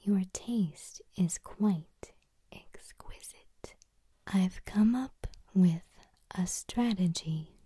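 A young woman gives an ASMR whispered role-play in a soft bedside voice. Her whisper is breathy and dark, unhurried and soothing. She sits very close to the microphone. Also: mid-range voice, no echo. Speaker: ASMR host leading vocal warm-ups. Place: small room at home, indoors. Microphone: close to the mic, leaning in.

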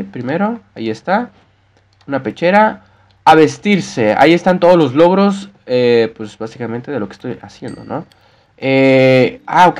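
A young man giving Let's Play commentary as he plays a game, chatting with viewers and yelping and screaming whenever he gets scared. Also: on the high side. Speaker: gaming youtuber.

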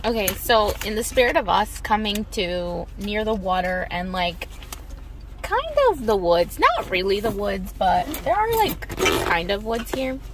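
A young woman in her twenties, a vlogger, chats while riding in a convertible outdoors, telling a loose, rambling story full of fillers. Her medium-pitched voice is sing-song and a little slow. Faint car and road noise can be heard.

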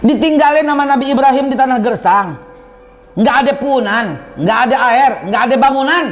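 A man preaching a lively sermon, animated and acting out quoted voices in local slang. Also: very high-pitched, a little fast, in a large hall.

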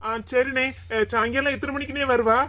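This high, slightly fast voice belongs to a performer portraying a kindly young office guy in a cartoon. He pleads and teases with a Kanyakumari Tamil accent.

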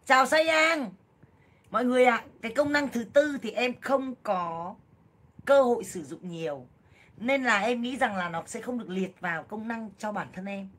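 Loud, excitable woman chatting on a livestream. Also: on the high side, normal speed. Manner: loud, excitable, blunt and jokey, with exclamations. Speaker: livestream seller and vlogger. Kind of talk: casual livestream chat with viewers.

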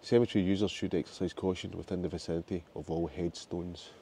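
A man, a regular explorer vlogger, who narrates calmly and then talks in a low-key, matter-of-fact way while walking outdoors. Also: fast, a little hiss or hum. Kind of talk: scripted narration and walking commentary. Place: outdoors, village and graveyard. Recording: music behind the voice.

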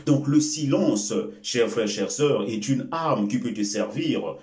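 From Congo and in his forties, this life-lesson video host, a native Bembe speaker, has a mid-range, slightly mellow voice with lively intonation. He delivers a motivational talk to the camera slowly and emphatically, using both hands, many fillers and repeated words, in an echoey small room in front of a curtain.

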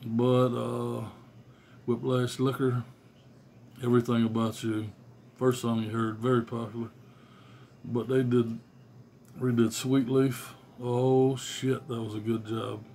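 Taking it slowly, a middle-aged music collector speaks in a warm, creaky, medium-pitched voice with little pitch movement. His show-and-tell of his cassettes is rambling, blunt and full of swearing, filmed on a phone at arm's length in a small bedroom with slight background noise.

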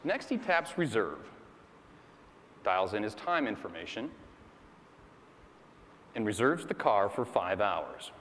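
Lively man narrating a stage demo. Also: lowish voice, takes it slowly, long pauses, a little hiss or hum. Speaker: guest presenter. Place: large conference hall stage. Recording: large hall with audience murmur.

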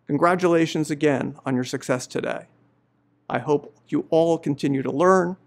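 Middle-aged male professor, gravelly and a bit high, earnest measured address. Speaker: law professor giving faculty greetings. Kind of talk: formal commencement address. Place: indoor studio before a university banner.

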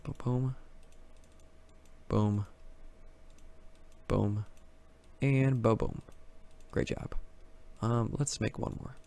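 A man's voice: lowish voice, fairly even intonation, extremely slow, vocal fry, pauses often, mellow. A man casually commenting on his Minecraft game, talking to himself and the mobs, with frequent exclamations. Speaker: gaming YouTuber.

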